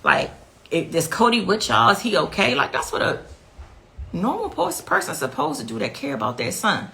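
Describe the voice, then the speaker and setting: A middle-aged woman with a heavily gravelly voice that still sounds bright and forceful. She talks as a grieving mother in an interview, intense and repeating her key phrases to drive them home. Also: mid-range voice, huge pitch swings, normal speed, a little hiss or hum. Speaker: mother of the victim. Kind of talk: emotional interview testimony.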